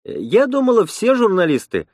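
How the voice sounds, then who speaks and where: Male reader as outspoken young woman colonist; raised pitch, teasing, dry close sound. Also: wildly swooping pitch, normal speed, darkish tone, dry recording. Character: blunt, frank young woman space colonist. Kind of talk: audiobook character voice.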